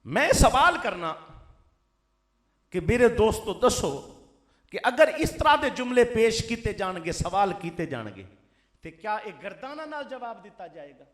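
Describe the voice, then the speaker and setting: A Pakistani cleric with a Punjabi accent preaching in a mosque, firing rhetorical questions at the crowd and swinging between loud and soft. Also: male voice, sits high, very animated, unhurried. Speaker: Islamic cleric. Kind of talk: fiery sermon. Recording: echoey mosque sound system.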